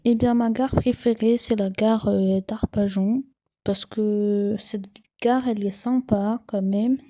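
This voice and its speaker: A woman's voice: medium pitch, fairly even intonation, takes it slowly, mellow. A young woman with a sleepy morning voice, chatting casually and a little hesitantly in an FAQ vlog. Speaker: train enthusiast vlogger.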